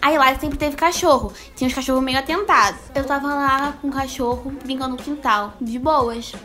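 A woman with a Brazilian Portuguese accent casually telling a story to her viewers, animated and jokey, acting out the voices of the people she quotes. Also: high-pitched, moderate pace, soft background music. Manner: animated, acts out quoted voices, jokes through sad moments.

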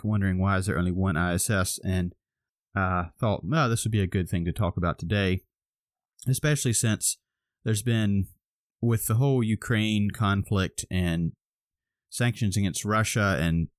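A man with a low voice co-hosts a podcast, sounding a little groggy as he explains a topic step by step in casual chat, with many restarts. The studio sound is clean, with no echo.

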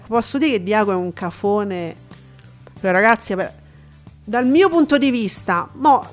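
A woman's voice: a little high, a bit bright. A woman chatting as a show host in an emphatic, exclamatory, indignant way. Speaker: host of a TV gossip live show. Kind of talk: casual live chat commentary on television. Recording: music playing behind the voice. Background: music.

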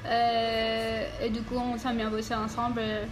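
A woman, answering in a casual interview in halting, repeated phrases. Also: a little high, monotone, music in the background. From Venezuela. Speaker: illustrator interviewee.

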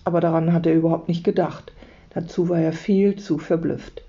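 A woman teacher calmly reading a children's book aloud to her class. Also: sits low, normal speed. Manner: calm, steady storytelling. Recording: dull lo-fi recording.

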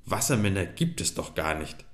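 A man's voice: sits low, big pitch swings, moderate pace. Man doing a grumpy scornful tall man. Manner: gruff and scolding. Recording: echoey room.

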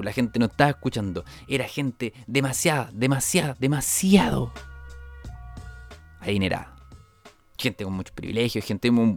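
A young man with a Chilean accent, a comedian telling rambling stories of his stand-up shows, full of sound effects and restarts. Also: medium pitch. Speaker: comedian host. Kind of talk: comic storytelling.

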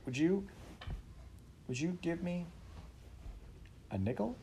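A man's voice: fairly low pitch, fairly even intonation, mellow, slight background noise, close to an everyday voice. A man voicing a timid young farm boy who speaks hesitantly, in a storybook reading. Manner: hesitant, halting.

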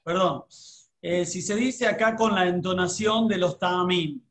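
A man's voice: high voice, measured pace, fairly bright tone, echoey room. A man hosting a talk, asking questions hesitantly with fillers. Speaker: host.

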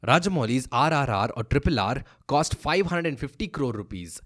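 A man hosting a daily news podcast, reading a script in a brisk, conversational, lightly playful way. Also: medium pitch, lively intonation, a bit bright. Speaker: podcast host.

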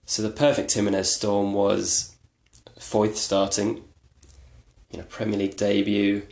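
Male podcast host, low gravelly voice, flat delivery, rambling and self-deprecating, echoey room. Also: unhurried. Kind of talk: casual solo podcast talk.

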